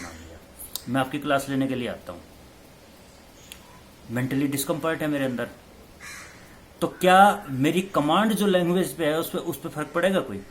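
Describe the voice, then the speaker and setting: A man's voice: a little high, a little hiss or hum. Hindi-speaking male teacher explaining exam answers. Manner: explanatory, repeats key terms, mixes in English phrases. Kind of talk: exam-question lecture.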